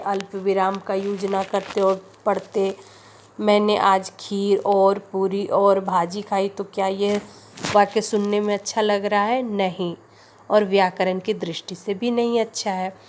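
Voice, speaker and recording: A woman teacher explaining grammar in a slow, deliberate way, repeating example sentences. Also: medium pitch, level tone, darkish tone, slight background noise. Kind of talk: Hindi grammar lesson.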